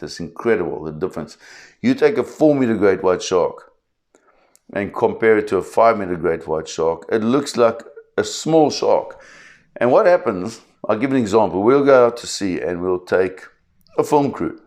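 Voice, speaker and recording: A South African man in his fifties, a shark expert explaining to camera with an emphatic, animated storytelling manner. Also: on the low side. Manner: emphatic, animated storyteller who acts out quotes.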